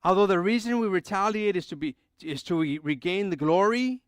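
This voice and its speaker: A male pastor preaching a sermon in a conversational way, acting out everyday quotes and dropping his voice low and soft for emphasis. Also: a little fast, no echo, studio quality.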